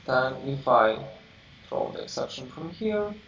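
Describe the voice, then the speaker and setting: A man teaching a programming class, halting and searching for words as he explains, heard from a distance. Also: mid-range voice, very animated, fairly bright tone. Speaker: programming instructor. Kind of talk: live coding lecture. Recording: roomy, distant, dull lo-fi mic with faint hiss.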